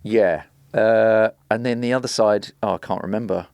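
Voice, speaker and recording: A man, a guest producer, chatting in a relaxed, hesitant way with many pauses. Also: on the low side, clear, resonant tone. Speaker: guest, drum and bass producer. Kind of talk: casual chat. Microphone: podcast studio mic.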